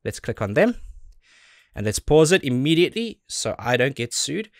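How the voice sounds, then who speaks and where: Breathless excitable man reacting to music. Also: medium pitch, moderate pace, dry recording, studio quality. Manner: excitable, enthusiastic. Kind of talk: casual reaction commentary.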